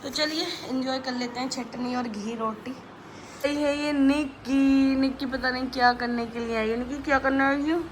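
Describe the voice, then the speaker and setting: A woman's voice: sits high, fairly even intonation, normal speed, background noise. A woman with a cold chatting casually in a home vlog, talking to her children and viewers. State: has a cold. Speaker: vlogger and mother. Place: home indoors.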